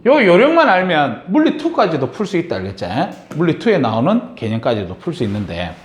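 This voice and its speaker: A man's voice: fairly high pitch, fairly quick, echoey room. A man teaching a science class, lecturing and often checking in with his students. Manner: lively, asks students frequent check-in questions.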